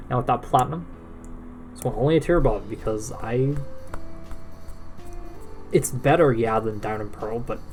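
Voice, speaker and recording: Casual solo game commentator, male, tired and yawning, restarts his sentences, soft music underneath. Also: mid-range voice. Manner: rambling, restarts sentences often. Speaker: gaming video creator. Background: soft background music.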